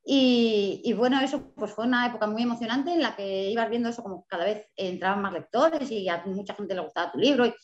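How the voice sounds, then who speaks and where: A woman's voice: medium pitch, a little fast, hardly any pauses, echoey room, muffled recording. A woman, a novelist from Spain, telling stories in a casual interview and acting out the voices of people she quotes. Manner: animated storyteller, acts out quoted dialogue, laughs often. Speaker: guest novelist.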